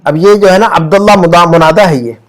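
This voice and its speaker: A man's voice: high-pitched, fairly quick. A man teaching an Arabic grammar class in Urdu from home, patient and repeating his questions to drill his students.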